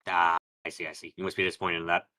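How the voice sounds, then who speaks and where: A man with a lowish, bright, forceful voice chats casually through a watch-along. He reacts out loud to the screen, often with a curse. His talk is loose and conversational. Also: level tone, racing, dry recording, studio quality.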